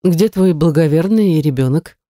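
A cold, scheming kidnapper man from an audiobook, low and curt with every threat, as the reader puts him on. The voice is warm and dark in tone, recorded close and dry with no room around it. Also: moderate pace, no room sound, natural voice. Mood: probing. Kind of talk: audiobook character reading.

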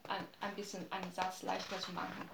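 A woman teaching a language class, who repeats each phrase patiently and explains it slowly. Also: on the low side, monotone, creaky, roomy sound, very noisy.

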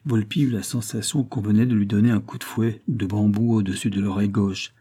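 A man narrating a crime novel as an audiobook, with steady storytelling. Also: lowish voice, brisk, slightly rough.

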